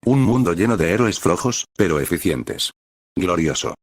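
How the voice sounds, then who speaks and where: A man reading the lines of a relaxed young male hero, teasing and easygoing. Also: deep voice, moderate pace, slightly rough, no room sound, studio quality, exaggerated voice.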